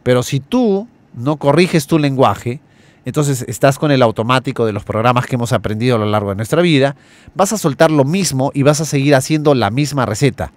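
A man hosting a motivational radio talk, earnestly addressing listeners and slowly listing words. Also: mid-range voice, lively intonation. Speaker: radio host.

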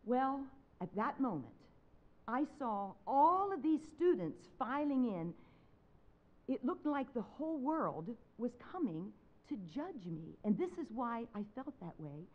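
A woman gives a talk from a stage, telling a personal story with dramatic, animated delivery. Her voice sits a little high, and its pitch swings widely from phrase to phrase. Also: a little slow, highs cut off. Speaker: speaker, concert pianist. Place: stage talk before an audience.

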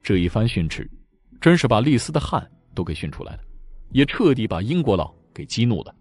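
A man narrating a war audiobook in a steady, dramatic storytelling voice. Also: fairly low pitch, a little fast, slightly rough, dry recording. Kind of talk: scripted narration.

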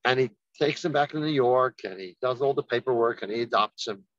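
A man giving a rabbi's holiday message, telling a story in an unhurried way and lifting his voice for the people he quotes. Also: medium pitch, no echo, lo-fi sound. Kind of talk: sermon with storytelling.

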